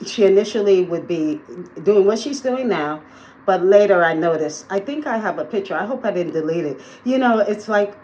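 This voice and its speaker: A woman's voice: lowish voice, a little mellow, lo-fi sound, a little hiss or hum. A woman talking casually to her viewers in a day-in-the-life vlog, chatty and full of fillers, recorded on a handheld phone. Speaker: vlogger. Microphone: phone held in hand.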